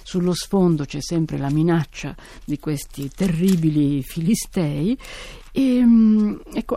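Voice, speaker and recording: A man hosting an interview who asks questions in an unhurried, thoughtful way. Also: a little high, creaky, dark tone. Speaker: host, interviewer.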